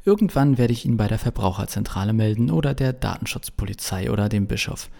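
A man's voice: lowish voice, expressive, fast talker, creaky, mellow. A male pastor telling a humorous sermon as a story, in a dry, wry way. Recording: long reverberant echo.

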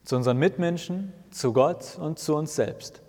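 Martin Luther as a brisk, bossy housemate in an audio story, read by a man, hall reverb behind. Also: on the high side, dark tone. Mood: explaining. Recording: long reverb, roomy hall sound.

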